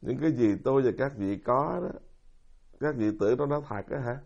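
A man's voice: medium pitch, a little fast, creaky, a little mellow. A middle-aged man, a Buddhist monk with a Southern Vietnamese accent, giving a dharma talk full of stories and rhetorical questions to his listeners. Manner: storytelling with rhetorical questions to the audience. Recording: dull lo-fi recording.

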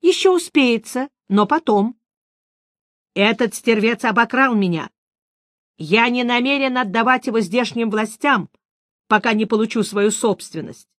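A short, grumpy halfling merchant blusters and scoffs, as a woman reading a storybook puts him on. His voice is gruff and pushed a little higher than hers. The delivery is slow and the sound is dry and close. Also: expressive, a bit bright, no echo. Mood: scornful. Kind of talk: audiobook reading.

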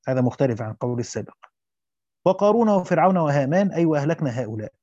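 A man reading a classical commentary aloud quickly, stopping for casual explanatory in a way of speaking. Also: on the high side, mellow, no room sound, muffled recording. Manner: reads quickly in classical Arabic, then breaks into colloquial asides with restarts. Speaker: teacher reading through a Quran commentary. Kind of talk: reading a classical text aloud with spoken asides.

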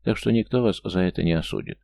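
A man's voice: sits low, fast, creaky, mellow, dry recording. A man voicing a large, formal, courteous male bodyguard. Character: big polite male bodyguard, obedient.

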